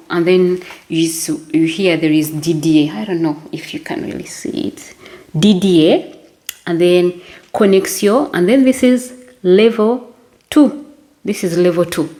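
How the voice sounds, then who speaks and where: A woman's voice: fairly low pitch, unhurried, darkish tone. A young woman from Uganda talking casually to camera in a vlog, chatty, often repeating words and restarting as she goes. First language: not French; English-speaking. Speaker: vlogger.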